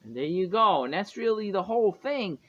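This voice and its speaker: A man with a fairly high voice teaches guitar in loose, rambling talk, often breaking off to fix himself and chuckle. The recording is dull and lo-fi. His own guitar rings out clearly behind him. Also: lively intonation, moderate pace. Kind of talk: casual music lesson.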